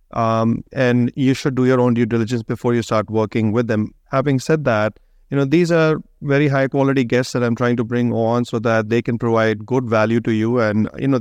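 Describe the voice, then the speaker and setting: A male podcast host talks casually, filling his sentences with ums and you-knows. His pitch sits in the middle range. The sound is close and dry. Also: darkish tone, smooth, no room sound. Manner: conversational, many fillers like um and you know. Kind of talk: casual interview hosting.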